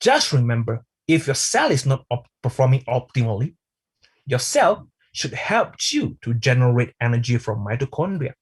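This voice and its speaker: A man's voice: medium pitch, big pitch swings, moderate pace, husky. A man giving a live online product training, chatty and speaking to the viewers as friends.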